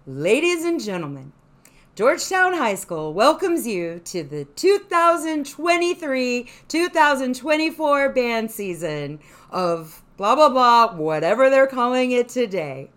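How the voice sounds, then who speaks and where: Woman putting on a booming stadium announcer. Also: big pitch swings. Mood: grand. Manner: projected, drawn-out, showy delivery. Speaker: podcast co-host doing a stadium announcer voice.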